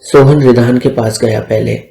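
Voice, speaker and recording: A man reading a scripted story aloud in a plain, steady way. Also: medium pitch, normal speed, gravelly. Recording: echoey room with faint music.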